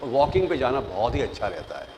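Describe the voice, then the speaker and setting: An older man, a professor, giving lively classroom advice, telling stories and acting out the voices of people in them. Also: mid-range voice, quick pace. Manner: animated, storytelling, mixes English phrases, acts out quoted voices. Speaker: professor giving interview tips. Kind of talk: classroom lecture. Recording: long reverb, faint noise.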